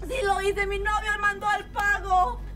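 A woman's voice: very high voice, level tone, normal speed, loud music behind the voice. An actress playing a distraught young woman who cries and begs repeatedly to keep her car, out on the street. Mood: tearful pleading. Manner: tearful, pleading, repeats herself. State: crying.

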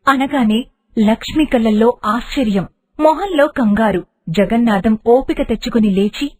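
A woman narrating an animated moral storybook in a steady, expressive way. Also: fairly high pitch, moderate pace.

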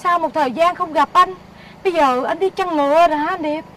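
A woman's voice: extremely high pitch, brisk, bright, forceful tone, slight background noise. A woman with a Southern Vietnamese accent playing a young woman who teases her weeping ex-lover in a comedy sketch, chattering and mocking. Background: background music.

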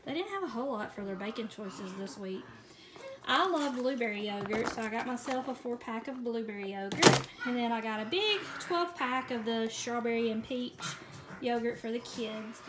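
A chatty middle-aged woman talks casually to her viewers as she holds up items at home, laughing now and then. Her voice sits a little high. It is recorded on a handheld phone, and heavy noise runs behind her the whole time. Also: moderate pace. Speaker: vlogger showing a grocery haul. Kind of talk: casual chat. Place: indoors at home, camera pointed at groceries. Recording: loud background noise.

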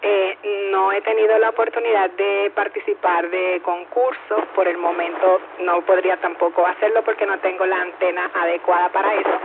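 A woman's voice: medium pitch, level tone, moderate pace, creaky, hardly any pauses. A woman with a Puerto Rican accent speaking politely and formally as secretary of an amateur radio net, over two-way radio. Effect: two-way radio transmission. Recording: noisy narrowband radio with hum.

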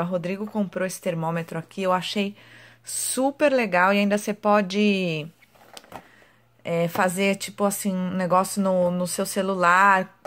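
A woman's voice: mid-range voice, a bit bright. A woman, chatting casually to viewers in a home vlog as a mother, with frequent tag questions. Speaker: mother and vlogger.

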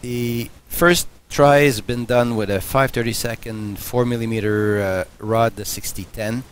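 A man talks through a welding demonstration in his garage workshop at a middle pitch, pausing and restarting as he thinks aloud. His tone stays matter-of-fact. Faint workshop noise sits behind him. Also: steady tone. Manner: hesitant, many fillers and restarts. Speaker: welding channel host.

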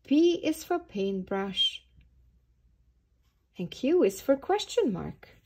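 Woman, preschool storytime reader, slow, mellow, lilting, asks kids questions. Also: high-pitched, very animated, husky. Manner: slow, sing-song, asks the young listeners questions. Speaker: early years storytime reader. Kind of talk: reading a children's picture book aloud.

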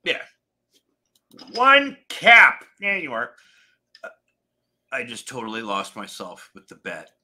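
A man co-hosting a casual film review chat, animated and profane, laughing often. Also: medium pitch, slow, pauses often. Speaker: podcast co-host.

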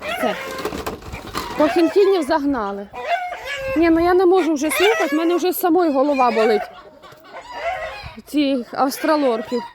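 A woman's voice: high-pitched, very animated, normal speed, long pauses. A woman vlogging casually outdoors in her farmyard, chatting to viewers and scolding and shooing her poultry with laughs. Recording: outdoor video with loud farmyard noise. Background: chickens, roosters and fowl clucking and crowing.

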